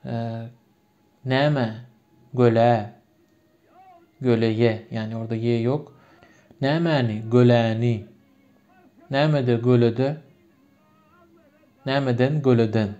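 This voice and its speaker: A man's voice: medium pitch, steady tone, slow pace, pauses often, mellow, soft background music. A man from Turkmenistan with a Turkmen accent, a native Turkmen speaker, patiently explaining grammar with many repeated examples in a lesson. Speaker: language teacher. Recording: muffled lo-fi recording.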